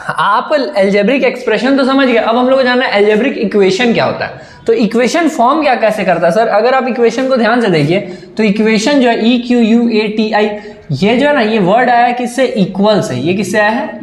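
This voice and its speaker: Echoey male math teacher quizzing students. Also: high-pitched. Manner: asks questions and answers them himself, repeats key points. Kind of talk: classroom-style lesson. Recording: echoey room.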